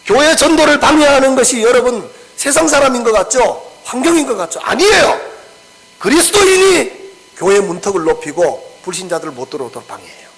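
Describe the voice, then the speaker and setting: A man's voice: extremely high pitch, expressive, fast, few pauses, a bit bright, rough recording. A pastor preaching an expository sermon. He acts out the scripture quotes and keeps asking the congregation questions.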